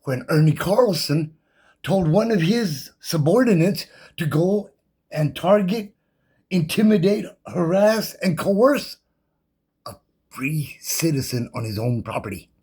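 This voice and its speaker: Defiant man ranting, husky and animated. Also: a little high, takes it slowly. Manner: combative, defiant, rattles off legal code numbers; loose, repetitive, slangy and profane. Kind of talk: impassioned monologue rant.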